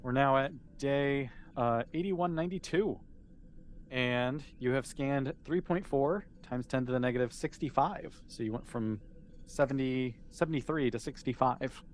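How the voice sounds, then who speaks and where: Running a tabletop game, a male game master speaks at a measured pace with medium pitch, narrating conversationally and making things up on the spot. There's slight background noise.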